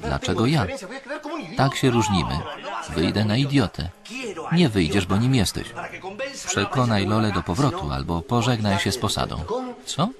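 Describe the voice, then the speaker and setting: A man's voice: lowish voice, very animated, moderate pace, a crowd in the background. A man reading every character's lines in one voice, as the voice-over of a dubbed series. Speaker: voice-over reader. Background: series soundtrack music and dialogue.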